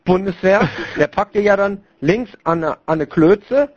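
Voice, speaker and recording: A young man with a high-pitched voice speaks unhurriedly over muffled, lo-fi voice chat, casually telling other gamers a crude story. He rambles, using many fillers and restarting often.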